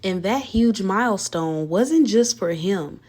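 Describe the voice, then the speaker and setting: A woman narrating a life story in a playful, slangy, scripted style with dramatic pauses. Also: medium pitch, animated, a little mellow. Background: faint music.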